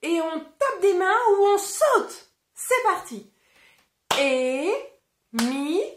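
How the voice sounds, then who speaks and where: A woman teacher with a French accent, speaking slowly and clearly as she guides children through a story and word games. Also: very high-pitched, lively intonation, echoey room, background noise. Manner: encouraging, addresses child directly; slow, clearly articulated. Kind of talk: interactive read-aloud lesson for children.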